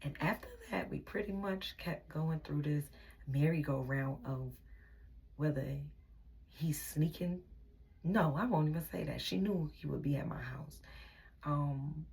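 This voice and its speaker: A woman's voice: deep voice, creaky, darkish tone, husky. A young woman telling a personal relationship story in a candid, venting storytime vlog, sometimes dropping into a whisper.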